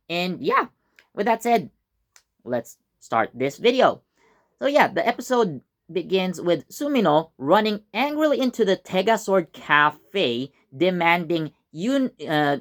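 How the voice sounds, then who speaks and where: A man's voice: on the high side, fairly bright tone. A man talks through a TV episode on his own channel, loose and conversational. He rambles and circles back, with plenty of fillers along the way. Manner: chatty and rambling, with many fillers and self-corrections. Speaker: YouTube channel host reviewing a TV episode. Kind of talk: casual video review.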